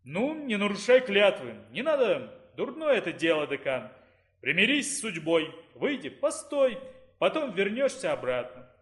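A man doing a calm, unflappable rector. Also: high voice, normal speed. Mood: persuading. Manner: calm, unruffled.

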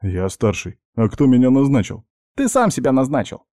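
A man voicing a stern, domineering baritone voice inside someone's head in an audiobook. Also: sing-song, normal speed, warm tone, no room sound, clean studio sound. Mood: bossy.

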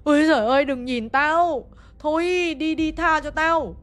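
A woman voicing a terrified man in delirium, wailing in a shrill, panicked voice that drags slowly, over faint music. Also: a bit bright.

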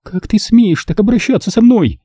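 Shrill raging young woman, read by a man, high and husky, dark-toned underneath. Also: sing-song, fast talker, no room sound, clean studio sound. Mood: furious. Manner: shrieking, spitting out words.

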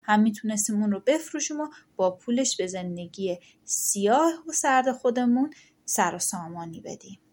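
A woman voicing a poor, sharp-tongued peasant wife in an audiobook folktale, reproachful in tone. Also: medium pitch, expressive, natural voice. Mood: bitter.

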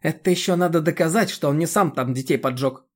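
A man reading an audiobook, voicing a short, stout, rude elderly village chairwoman who scolds and yells. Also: a little fast, natural voice. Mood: hostile. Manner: shrill scolding, yelling.

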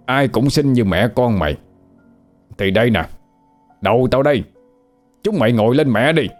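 A man voicing a brutal, greedy old village chief who snarls and shouts threats, in a storytelling recording. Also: on the low side.

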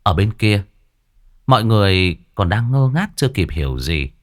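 Man, horror story narration, colloquial, low, animated pitch. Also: moderate pace.

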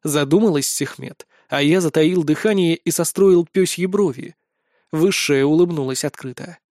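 A man's voice: fairly high pitch, normal speed, a little mellow, dry recording, studio quality. A man narrating a first-person fantasy audiobook in a wry, sardonic manner.

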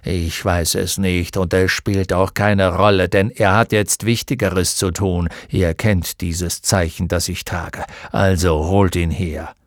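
A man voicing an exhausted, gruff and impatient male centaur physician in an audiobook, speaking in low, curt mutters. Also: steady tone, takes it slowly, hardly any pauses, no echo, clean studio sound.

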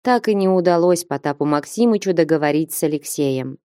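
Mellow-voiced woman reading an audiobook. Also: low-pitched, fairly quick, clean tone, no echo, clean studio sound. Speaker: audiobook narrator. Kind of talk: scripted narration.

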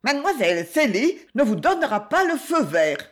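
Woman putting on a shrill, defiant working-class wife. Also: big pitch swings, moderate pace. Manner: sharp, shrill retorts.

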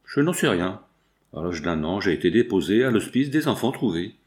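A man reading as a gentle young seamstress. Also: deep voice, big pitch swings, normal speed. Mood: earnest.

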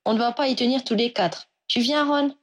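A sensible young witch speaks in a hushed, practical tone, as a woman narrator reads her. She sounds brisk and organized. It is a plain storybook voice. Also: a little high, voice pushed up, lightly acted. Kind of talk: audiobook reading of fan fiction.

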